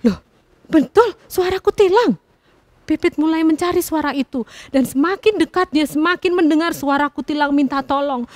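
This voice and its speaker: A woman Sunday school teacher narrating a children's story in a high, very lively voice. She talks expressively and keeps asking the children questions, recorded close and dry. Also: no echo.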